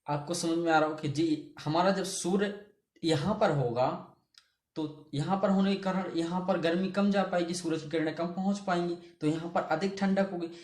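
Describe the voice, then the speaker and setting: Guy teaching geography, keeps asking and answering his own questions, slightly high voice, echoey classroom. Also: darkish tone. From India. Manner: asks the class questions and answers them himself.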